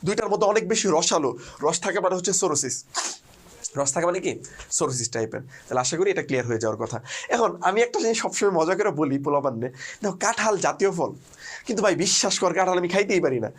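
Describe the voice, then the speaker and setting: A man's voice: high-pitched, expressive, racing. A young man, teaching an online lesson with mnemonics, quizzing listeners and answering himself. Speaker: admission test tutor. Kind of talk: energetic online lesson with call-and-response mnemonics.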